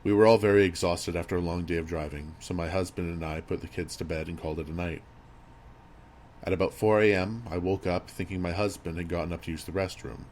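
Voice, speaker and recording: Male horror narrator, very deep register, measured and grave delivery, slight background noise and ambience. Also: fairly even intonation, a little mellow. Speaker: creepypasta narrator. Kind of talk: scripted horror story narration.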